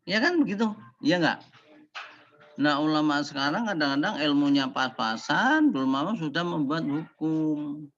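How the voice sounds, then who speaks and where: A man lecturing a class on Islamic teaching, his voice sitting a little high. He talks in a lively way and acts out the people he quotes. The recording is dull and lo-fi, with a faint hiss behind him. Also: moderate pace, long pauses. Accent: Indonesian.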